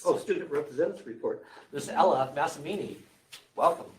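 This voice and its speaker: A man chairing a school board meeting, his voice raspy after surgery, joking and casual. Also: fairly high pitch, expressive, fairly quick. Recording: echoey room, distant mic, faint noise.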